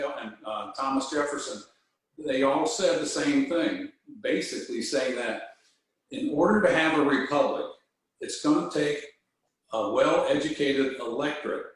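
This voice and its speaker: A man, a congressman, giving a measured, earnest civic speech with frequent fillers. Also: mid-range voice, very echoey, distant mic, rough recording. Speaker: congressman speaking on a panel.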